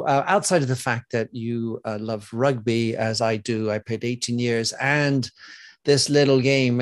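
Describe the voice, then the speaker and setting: Chatty male podcast host, medium pitch. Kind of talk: podcast presenting and interviewing.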